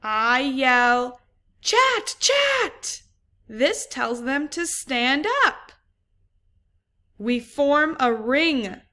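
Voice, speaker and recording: A woman's voice: high-pitched, big pitch swings, very slow, heavily acted. A woman doing an alert vervet monkey lookout. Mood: urgent. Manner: whispers warnings, yells loud alarm calls.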